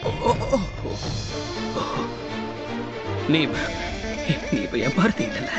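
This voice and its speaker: A heartbroken, anguished young lover. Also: male voice, on the high side, big pitch swings, drawn-out words, loud music behind the voice, full character voice. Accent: Tamil. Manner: anguished, pleading and accusing, repeats himself. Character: heartbroken young man, desperate and bitter. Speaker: jilted lover confronting his ex. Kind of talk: TV serial acting.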